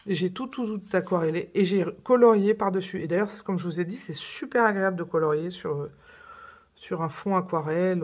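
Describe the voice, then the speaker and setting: A woman's voice: on the low side, darkish tone. A woman talks casually through her coloring books, showing them off one by one. She rambles, restarts her sentences and fills the gaps with little hesitations. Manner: chatty, rambling, full of fillers and self-corrections. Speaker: coloring book vlogger. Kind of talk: casual show-and-tell chat.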